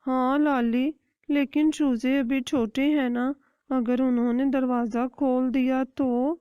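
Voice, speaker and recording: A woman voicing a caring, anxious mother hen in a cartoon story, explaining things gently and motherly. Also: high voice, level tone, clear, resonant tone, dry recording, voice pushed up, close to an everyday voice. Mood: worried. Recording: dry, dull lo-fi recording.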